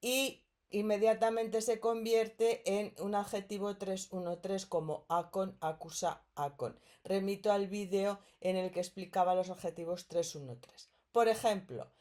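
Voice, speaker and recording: A woman with a Spanish accent from Spain gives a recorded grammar lesson, moving slowly and deliberately. Her voice is mellow and warm, never sharp. She explains patiently, step by step, often pausing to check that her students are following. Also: medium pitch, steady tone. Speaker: teacher.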